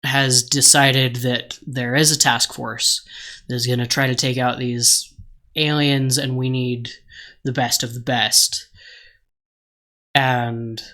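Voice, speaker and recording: Podcast co-host, male, slow and hesitant, thinking aloud through a pitch. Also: little pitch movement, bright, forceful tone. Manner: hesitant, many ums and restarts. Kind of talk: casual chat.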